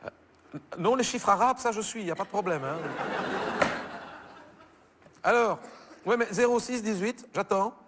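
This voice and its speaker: A man with a Belgian French accent performs a one-sided phone call on stage, stammering and bemused. His voice sits high for a man. It rings out with a long hall reverb over faint background noise. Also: unhurried, long pauses, fairly bright tone. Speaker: comedian. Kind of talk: stand-up phone sketch. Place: theater stage with audience.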